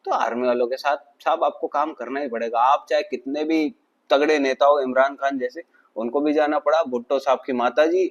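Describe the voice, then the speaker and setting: A man's voice: mid-range voice, steady tone, moderate pace, muffled recording. A man doing casual, mocking political commentary in a chatty way, constantly addressing his viewers.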